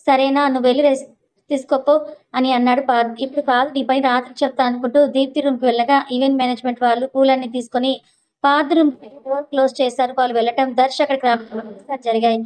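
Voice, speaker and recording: Brisk high-voiced woman storyteller. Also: little pitch movement, a little mellow, poor audio. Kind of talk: scripted story narration.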